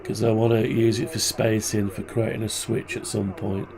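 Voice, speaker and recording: A man's voice: on the low side, flat delivery, normal speed, creaky, crowd noise. A man with a muffled, blocked-nose voice, tired and stuffed up with flu, rambling as he thinks aloud through a casual hobby tutorial. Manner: rambling, muttering to himself. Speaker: hobbyist presenter.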